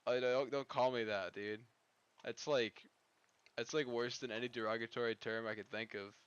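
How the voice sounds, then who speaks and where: A man live-streaming a game, talking to his chat in a rambling, profane, excitable way. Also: medium pitch, moderate pace, clear, resonant tone, no room sound, dull audio.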